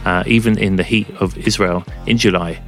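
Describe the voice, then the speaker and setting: Low-voiced man hosting a music podcast. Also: fairly even intonation, brisk. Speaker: podcast host and DJ. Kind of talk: music show presenting, casual talk. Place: at home under a blanket.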